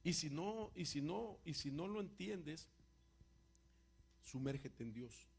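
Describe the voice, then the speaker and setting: A man preaching and answering a question with a personal testimony, an emotional storyteller whose voice swings from loud to hushed. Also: a little high, lively intonation, slow, creaky, breathy edge. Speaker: apostle answering congregation questions.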